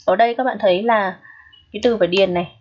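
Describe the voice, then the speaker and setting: A woman's voice: mid-range voice, fast talker, darkish tone, muffled recording. A woman English teacher, patiently walking students through an exam review and checking in with frequent rhetorical questions.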